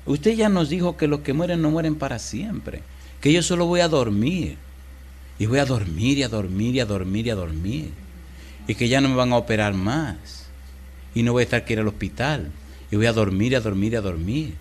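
A gentle, brave six-year-old boy near death, speaking softly to comfort his mother, as a preacher gives him voice. The tone is quiet and tender. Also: mid-range voice, animated, brisk, lightly acted.

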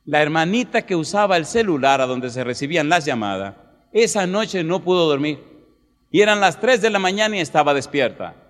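A man's voice: fairly high pitch, very animated, fairly quick, a bit bright. A man preaching a sermon as a vivid storyteller who acts out quoted dialogue. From Dominican Republic. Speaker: pastor. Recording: long hall reverb.

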